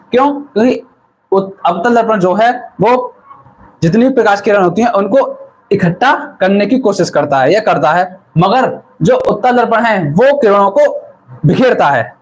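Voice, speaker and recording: High-voiced teacher drilling terms. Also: male voice, low-quality recording. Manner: repeats key terms and quizzes the viewers. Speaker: physics teacher. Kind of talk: live online lesson.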